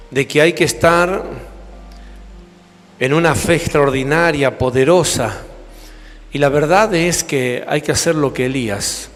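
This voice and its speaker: A man preaching a sermon in Argentine Spanish, fervent, firing rhetorical questions at the congregation. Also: a little high. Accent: Rioplatense Spanish. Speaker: apostle preaching. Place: church hall. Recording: long reverb, music behind.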